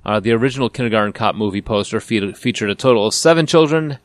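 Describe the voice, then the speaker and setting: Low-voiced man hosting a movie podcast. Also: animated, fast talker, no room sound. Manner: joking, reads out cast and trivia. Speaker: podcast host. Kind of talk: casual podcast movie review.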